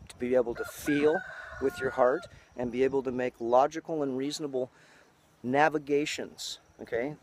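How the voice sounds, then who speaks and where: A man's voice: medium pitch, fairly even intonation, normal speed, a little hiss or hum. Fifty-something man lecturing outdoors. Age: 50s. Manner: repeats "okay?" after points. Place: outdoors on a lychee farm.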